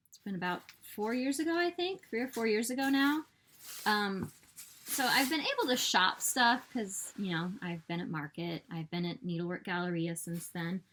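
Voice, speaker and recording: A woman hosting a casual cross-stitch vlog, chatty and animated, laughing often and filling with "like" and "um" as she shows her purchases. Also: mid-range voice. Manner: fills with "like" and "um". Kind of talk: casual show-and-tell chat.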